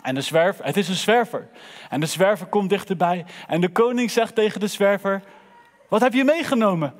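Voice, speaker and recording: Man, children's church storyteller, high voice, long hall reverb. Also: moderate pace. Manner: lively, addresses the children directly.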